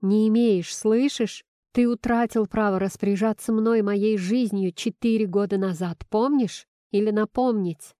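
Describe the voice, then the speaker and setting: A woman's voice: mid-range voice, steady tone, a little slow, hardly any pauses, dark tone, no echo, studio quality, natural voice. A woman reading the part of a defiant, hot-tempered young woman who answers sharply and with indignation.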